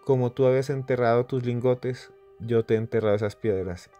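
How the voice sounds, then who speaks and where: Man voicing a wise neighbor, calm and lecturing, raised a bit in pitch, fable storytelling. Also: fairly quick, faint music behind, lightly acted. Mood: admonishing.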